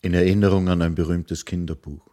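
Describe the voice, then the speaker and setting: A man reading a children's story aloud in a calm, even narrating voice. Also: low voice, brisk.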